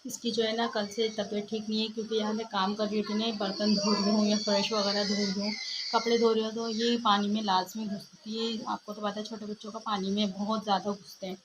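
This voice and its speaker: Soft-spoken young woman vlogging at home. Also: medium pitch, level tone, a little fast, lo-fi sound, noisy background. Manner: chatty, rambling with many fillers; speaks softly so as not to wake her child. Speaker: family vlogger. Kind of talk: casual home vlog. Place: home, indoors.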